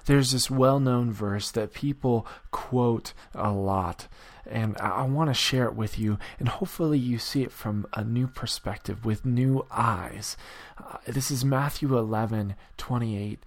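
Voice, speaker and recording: A young man from the Vancouver area giving a casual daily devotional talk, relaxed and chatty with many fillers and restarts. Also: mid-range voice, a little slow. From Vancouver area, Canada. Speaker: youth devotional speaker.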